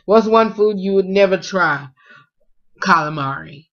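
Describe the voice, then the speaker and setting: In this casual food tag vlog, a young male vlogger sits indoors in a small room, reading questions about food and answering with lots of fillers. He speaks a little slowly in a high, fairly bright voice. Recorded on a nearby webcam, the sound is dull and lo-fi.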